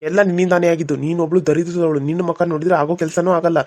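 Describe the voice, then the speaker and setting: A man's voice: high voice, flat delivery, fast talker, a little mellow, dry recording, lightly acted. A man voicing a moody young husband in a cartoon serial, brooding and harsh by turns. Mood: angry. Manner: brooding, harsh, then pleading. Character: young husband, moody, torn between two women.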